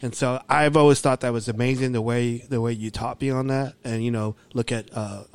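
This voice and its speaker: Rambling podcast host, dry close sound. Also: male voice, mid-range voice, fairly even intonation, brisk, clear, resonant tone, no echo. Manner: rambling, full of fillers, quotes others. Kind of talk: casual podcast interview.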